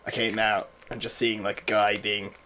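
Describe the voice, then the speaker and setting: A man's voice: fairly low pitch, level tone, moderate pace, bright, forceful tone, a little hiss or hum. A young English man co-hosting a podcast, rambling through stories in casual chat with many fillers and laughs. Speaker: podcast co-host.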